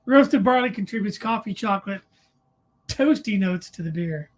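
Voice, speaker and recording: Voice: mid-range voice, expressive, normal speed. A podcast co-host chatting casually over beers, rambling through anecdotes and correcting themselves as they go.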